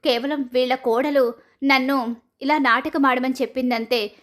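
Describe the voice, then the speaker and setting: An evasive middle-aged man, as a woman narrator puts him on, stammering and begging to be let off. He is heard in a high storytelling voice. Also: fairly even intonation, normal speed, natural voice. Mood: pleading. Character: nervous middle-aged man caught in a con.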